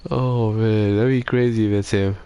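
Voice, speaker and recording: A man's voice: on the low side, steady tone, normal speed, warm tone, clear, resonant tone. A man streaming a game, giving laid-back casual commentary, chuckling and musing aloud. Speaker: gaming streamer.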